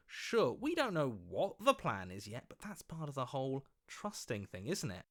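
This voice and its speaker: Oily and ingratiating, a man's theatrical, heavily acted performance brings a scheming flatterer and opportunist to life in a video game. His voice is mid-range.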